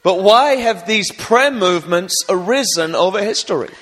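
A man's voice: high voice, animated, moderate pace, a bit bright. A man from England preaching at a church service, speaking German hesitantly with many fillers, then in English for an interpreter. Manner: rises to an emphatic, raised preaching voice in English. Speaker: guest preacher. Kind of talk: sermon with live interpreter.

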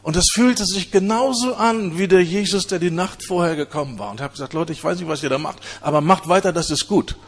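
A man preaching, telling his own conversion story in an earnest, halting way. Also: sits high. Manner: earnest storytelling with many hesitations. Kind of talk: testimony sermon.

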